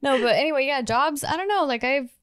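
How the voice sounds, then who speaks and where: A woman's voice: high-pitched, expressive, fast talker, no echo, studio quality. Thirties woman, rambling casual chat, easily amused. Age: 30s. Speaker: YouTuber, podcast co-host.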